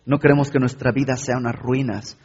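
A man's voice: medium pitch, flat delivery, brisk, darkish tone, slightly rough. A male preacher giving a sermon and asking the listener direct questions. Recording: dull recording in an echoey hall.

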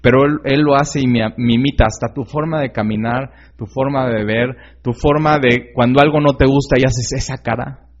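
Preaching in an earnest, conversational style, a man frequently addresses direct questions to the listener, peppering his speech with fillers and tag questions. His mid-range voice holds a steady tone at a moderate pace, in a slightly dull lo-fi recording.

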